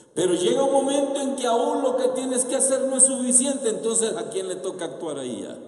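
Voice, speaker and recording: Male preacher, Salvadoran accent, expressive sermon delivery, roomy echoey hall. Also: very high-pitched. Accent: Salvadoran Spanish. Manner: animated preaching, rhetorical questions to the audience. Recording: echoey hall with long reverb.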